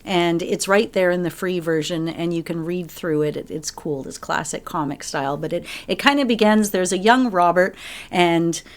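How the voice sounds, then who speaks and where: A woman's voice: on the low side, moderate pace. A woman co-hosting a retro gaming podcast, recapping a game's backstory in an eager, chatty way. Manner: enthusiastic storytelling with laughs. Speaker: podcast co-host. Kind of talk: casual chat.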